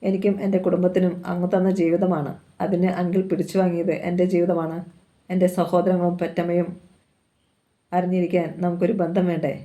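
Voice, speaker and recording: Brief: woman reading a scared young heroine, low and flat. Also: fairly quick, lightly acted. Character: young woman, torn and frightened.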